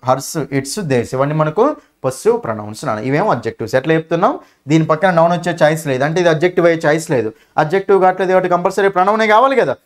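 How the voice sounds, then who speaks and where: Man, Telugu accent, grammar lesson, rapid delivery, emphatic, checks in with students. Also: on the high side. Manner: quick, emphatic teaching with frequent check-ins to students. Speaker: English grammar teacher. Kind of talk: exam-prep grammar lesson.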